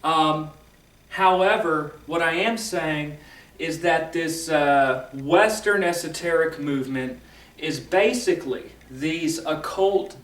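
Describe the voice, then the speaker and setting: A man explaining esoteric teachings in a casual, rambling lecture, correcting himself often and filling pauses with ums and uhs. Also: fairly high pitch, a bit bright, reverberant, distant mic, rough recording. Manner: rambling, self-correcting, filler-heavy.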